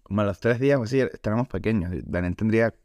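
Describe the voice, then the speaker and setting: A man's voice: fairly low pitch, fast talker, no room sound. A man, co-hosting a comedy podcast and telling a childhood story with acted-out quotes. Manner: animated storyteller, acts out quotes. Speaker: podcast co-host. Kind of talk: casual comedic chat.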